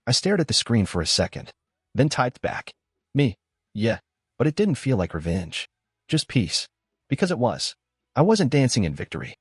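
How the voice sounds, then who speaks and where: A young adult man narrating a first-person story in measured, clipped sentences. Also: mid-range voice, breathy edge, no room sound, clean studio sound.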